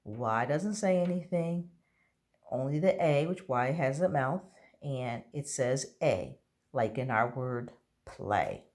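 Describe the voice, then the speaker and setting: A woman with a low voice teaches young children their letter sounds. She speaks slowly and patiently, stretching out each vowel so it can be heard clearly. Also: very animated, a little mellow. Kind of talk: phonics lesson for young children. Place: at home.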